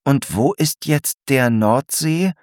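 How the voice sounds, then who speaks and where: Man doing a tiny proud snail lady, high and slow, full of questions. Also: dry recording, studio quality, close to an everyday voice. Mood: puzzled. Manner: fussy, questioning, easily amazed. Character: small curious proud female garden snail. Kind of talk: storybook character voice.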